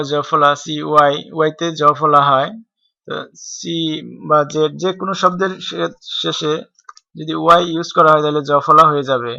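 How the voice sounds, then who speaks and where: A man walks through a typing lesson, spelling out keys one letter at a time. His voice sits a little high and crisp-edged, with little rise and fall. The home desk-mic recording is dry and slightly dull. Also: sharp tone, no echo. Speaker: typing tutor. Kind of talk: screen-recorded software tutorial.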